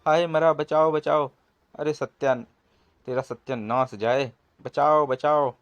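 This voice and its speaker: A man voicing a greedy young swindler who whines and yells for help in a comic storybook. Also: medium pitch, steady tone, normal speed, no room sound, lightly acted. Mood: panicked. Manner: whining, yelling for help. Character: greedy young male swindler, whiny coward.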